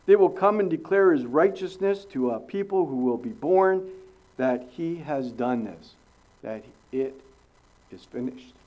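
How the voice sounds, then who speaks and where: A middle-aged man preaching an expository sermon, earnest and emphatic, swinging between sudden loud rises and hushed drops. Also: fairly high pitch, animated, measured pace, highs cut off.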